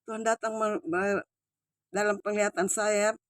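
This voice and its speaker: A woman's voice: mid-range voice, little pitch movement, no echo. An older woman in her sixties, a preacher giving an earnest personal testimony sermon, repeating herself and restarting phrases as she goes. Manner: earnest, repetitive, halting retelling with many restarts.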